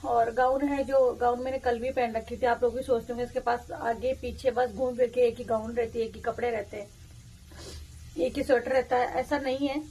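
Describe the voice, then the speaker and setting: A woman's voice: fairly high pitch, level tone, fairly quick, a little mellow, breathy edge. A woman, a mother, casually narrating a family vlog and talking straight to viewers while she cooks. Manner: chatty, talks straight to viewers while cooking.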